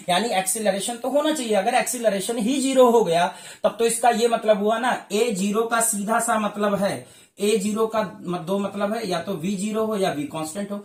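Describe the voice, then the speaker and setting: A male physics teacher talks through a whiteboard lesson for exam preparation. He goes one step at a time, often pausing on a quick "okay" and calling the viewers dear children. His voice rings out in a noticeably echoey room. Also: sits high. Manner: explains step by step, checking in with frequent "okay".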